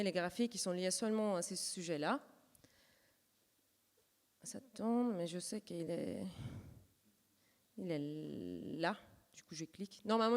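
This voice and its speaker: In a hall with long reverb, a woman presents a live software demo. Her voice is clear and smooth, with a Turkish accent from her native language. She speaks hesitantly, often searching for the next word as she improvises. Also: medium pitch. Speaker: workshop presenter.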